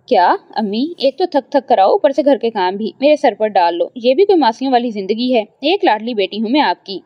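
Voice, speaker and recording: A spoiled, petulant young woman, as a woman narrator voices her, forever complaining. The voice is fairly high, heard through a dry and slightly dull recording. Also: expressive, dry recording.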